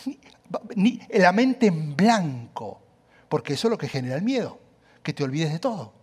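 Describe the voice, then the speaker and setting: Pastor guy preaching, lively up-and-down voice, talks right to the crowd. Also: on the high side, moderate pace, slightly rough. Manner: animated, emphatic, conversational asides. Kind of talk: sermon.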